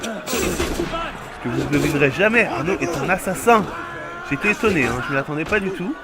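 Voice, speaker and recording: Male gamer, casual jokey commentary, lively slightly high voice. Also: fairly quick, over a noisy crowd, heavy background noise. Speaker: let's play gamer. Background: loud game music.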